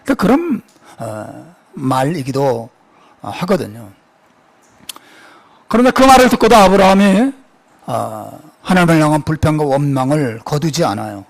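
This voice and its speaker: A male pastor preaching a sermon, expressive, with frequent fillers and soft asides. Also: fairly high pitch, measured pace, gravelly, long pauses.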